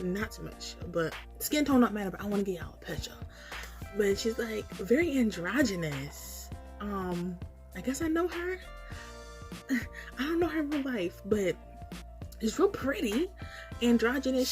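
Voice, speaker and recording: A storytelling vlogger, speaking at medium pitch, casually recounts a dream, sounding hazy and puzzled. She circles back as she guesses at details and acts out her own reactions.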